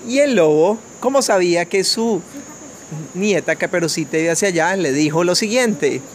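A man from Colombia tells a children's fairy tale in a gentle, unhurried way, and his voice sits a little higher than usual for a man. Faint crickets and insects chirp behind him, and there is a light hiss of noise. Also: animated. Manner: gentle, measured storytelling with small restarts. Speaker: family storyteller.

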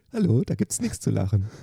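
A man's voice: low voice, mellow, no room sound, clean studio sound. A man, a dance teacher from Germany, giving short, matter-of-fact answers in an interview. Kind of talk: quick-fire interview answers.

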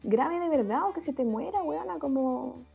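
A Chilean mother with a fairly high but mellow voice speaks frankly and with emphasis, full of local slang. Her tone is warm and relaxed rather than sharp. The sound is lo-fi and dull, with faint music in the background. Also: normal speed, gravelly. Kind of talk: casual chat.

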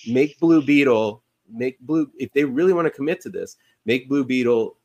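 A man's voice: medium pitch, animated, normal speed, a little mellow. A man co-hosting a podcast, chatting casually about comic book movies and rambling with many fillers and restarts. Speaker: podcast co-host.

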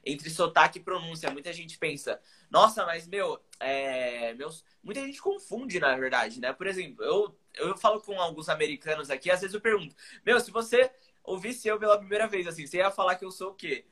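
A man from Brazil chatting casually as a podcast host, relaxed and full of filler words. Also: high-pitched, brisk. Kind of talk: casual chat.

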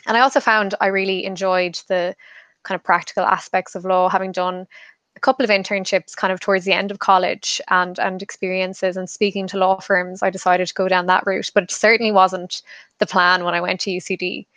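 A woman's voice: mid-range voice, level tone, fairly quick, a bit bright, dry recording. A young woman from Kerry with a west of Ireland accent, giving chatty, thoughtful answers as an interview guest. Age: young adult. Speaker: podcast guest, law firm associate.

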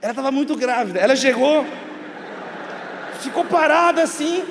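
High-voiced preaching man, echoing hall. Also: animated, moderate pace, creaky, background noise. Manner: preaching with sudden shouted outbursts and humor. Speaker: pastor. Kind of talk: sermon.

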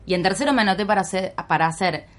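A woman's voice: medium pitch, racing. A young woman with a Rioplatense Argentine accent telling a story in casual chat, acting out the dialogue and swearing freely. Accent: Rioplatense Argentine Spanish. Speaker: podcast guest.

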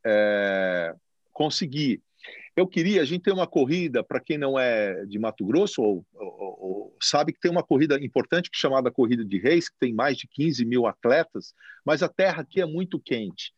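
A man who manages a TV station, answering interview questions in a reflective, expressive way and gesturing as he talks, recorded in a TV recording studio. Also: medium pitch, moderate pace, breathy edge, no echo, lo-fi sound. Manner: expressive, speaks with his hands.

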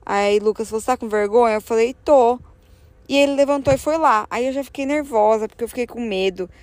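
A Brazilian woman vlogger telling a travel story in a casual way. She acts out her own thoughts in a higher voice. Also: fast talker, no echo. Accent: Brazilian Portuguese.

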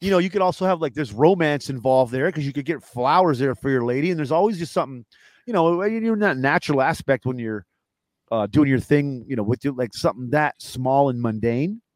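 A man who is a comedian and home cook, a guest in a casual interview, rambling fast with lots of fillers. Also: mid-range voice, no echo.

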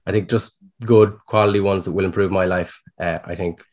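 A man's voice: sits low, steady tone, fairly quick, darkish tone. An Irish man co-hosting a podcast in casual, self-deprecating, sweary chat. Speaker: podcast co-host.

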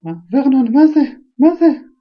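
A man's voice: extremely high pitch, soft background music, voice pushed up. A man reading a story aloud, voicing a frightened middle-aged aunt who pleads in a panic. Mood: panicky. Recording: dull lo-fi recording.

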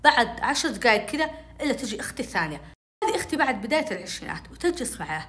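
A woman telling a childhood story in casual storytelling, animated and acting out each voice. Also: fairly high pitch, rapid-fire. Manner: animated, acts out every voice.

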